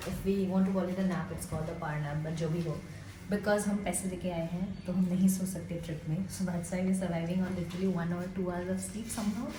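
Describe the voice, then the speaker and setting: A woman's voice: fairly low pitch, fairly even intonation, rapid-fire, very noisy. A young woman with an Indian accent narrating a casual travel vlog in a chatty, joking way. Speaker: travel vlogger.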